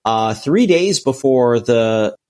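A man co-hosts a casual sports podcast, his mid-range voice clean, a little mellow, slow and lively in intonation. He rambles at length, restarting often and peppering his talk with fillers like "you know."

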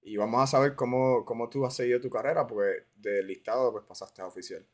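Talking quickly in a medium-pitched voice, this Puerto Rican-accented man hosts a laid-back podcast interview. He keeps it informal, mixing English words into his Spanish.

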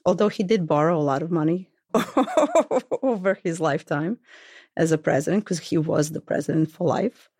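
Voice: mid-range voice, animated, moderate pace, a little mellow, breathy edge, no room sound, clean studio sound. A guest from Serbia speaking frankly and wryly in a casual interview. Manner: frank and wry, with light laughter.

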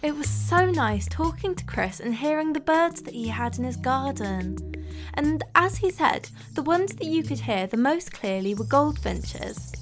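A woman's voice: sits high, animated, a little slow, over music. A woman presenting a nature radio show, describing birds with admiration in scripted narration.

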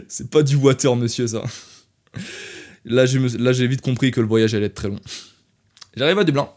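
Young guy telling a travel story on his podcast, chatty and animated, normal pitch. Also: moderate pace, pauses often. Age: young adult. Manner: animated, talks straight to listeners. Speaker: podcast host.

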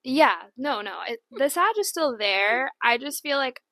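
A woman's voice: high-pitched, lively intonation, unhurried, sharp tone, dry recording. A woman in her twenties co-hosting a podcast in casual, giggly chat. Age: 20s. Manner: giggly, chatty, upbeat. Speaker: podcast co-host.

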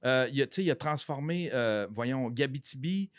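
A man's voice: medium pitch, moderate pace, no room sound, clean studio sound. A man with a Québécois French accent, a podcast guest rambling in casual chat, swearing freely and slipping in English phrases.

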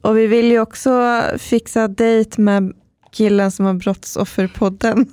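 A woman's voice: fairly high pitch, steady tone, a little mellow, clear, resonant tone, dry recording. A woman hosting a chat podcast, encouraging her guest and asking follow-up questions. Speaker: podcast host. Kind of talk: casual chat.

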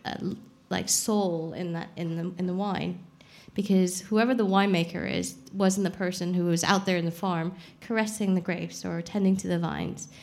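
A woman's voice: lowish voice, fairly even intonation, normal speed, vocal fry, hardly any pauses, darkish tone. A young adult woman, a champagne expert guest on a live podcast, explaining frankly and casually, swearing now and then. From Saudi Arabia.

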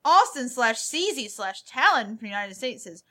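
A woman's voice: on the high side, sing-song, normal speed, fairly bright tone. A woman co-hosting a tabletop game podcast, reading listener reviews aloud in a playful, laughing way. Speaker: podcast co-host and player.

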